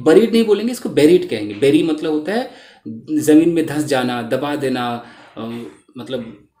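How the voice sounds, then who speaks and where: Guy explaining english words in hindi, slow careful reading, bit of room echo. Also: fairly high pitch, darkish tone. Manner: reads English lines slowly, then explains word meanings. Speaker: English teacher. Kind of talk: explaining a news article in Hindi. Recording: roomy echo.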